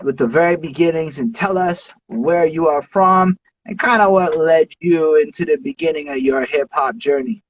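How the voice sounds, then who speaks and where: A man's voice: fairly high pitch, moderate pace, few pauses, recorded from a distance, muffled recording. A man hosting a livestream interview in an easygoing way, with casual slang. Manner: easygoing, slang like "real dope". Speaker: interview host.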